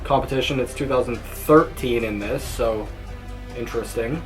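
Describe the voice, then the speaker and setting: An American man hosts a casual reaction video, thinking aloud and dropping short exclamations. His voice sits at an average pitch, with music clearly heard along with it. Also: moderate pace. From United States. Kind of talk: casual live reaction commentary.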